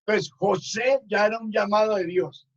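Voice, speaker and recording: High-voiced preacher, lo-fi sound. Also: male voice, steady tone, unhurried. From Colombia. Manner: storytelling with many restarts. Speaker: minister. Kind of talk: Sabbath school lesson testimony. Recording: dull lo-fi recording.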